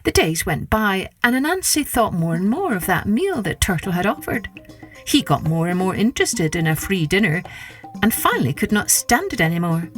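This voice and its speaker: A woman narrates a scripted folktale for children as a podcast storyteller. Her medium-pitched voice moves up and down expressively, with faint music underneath. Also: very animated, moderate pace.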